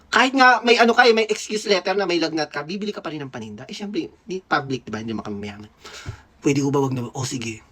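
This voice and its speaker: A man in his thirties from the Philippines tells a childhood story in a casual, gossipy way. His pitch swings widely and expressively from line to line. He sounds playful, teasing and at ease. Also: lively intonation, very fast, bright, forceful tone. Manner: gossipy, playful, laughs often. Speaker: dentist vlogger.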